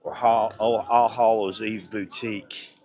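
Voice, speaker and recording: A man live-streaming as he walks through an outdoor theme park at night, excited and a little breathless, rambling and chatting with passersby on a handheld phone. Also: fairly low pitch, measured pace. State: slightly breathless. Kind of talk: casual walking live-stream chat.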